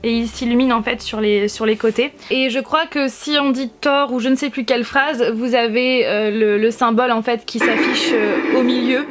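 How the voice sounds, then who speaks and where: Young female vlogger, higher voice, gushing fan energy, restarts a lot, home recording. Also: fairly even intonation, moderate pace, few pauses, faint music behind. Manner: enthusiastic, gushing, many restarts. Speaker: YouTube vlogger. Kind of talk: casual haul video chat. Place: warm room at home with a fan running. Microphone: camera-mounted shotgun mic.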